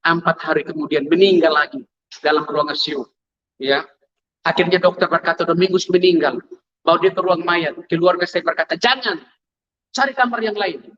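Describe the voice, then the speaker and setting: Bright, high-voiced man giving testimony. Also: little pitch movement, fairly quick, highs cut off. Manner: vivid storytelling with acted-out sounds. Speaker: testimony speaker. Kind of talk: spoken testimony to a congregation.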